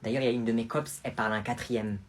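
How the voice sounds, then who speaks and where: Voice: mid-range voice, steady tone, racing, background noise, natural voice. A performer voicing a chatty, boastful preteen girl cousin in a comedy sketch. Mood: gushing. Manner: gushing, chatty.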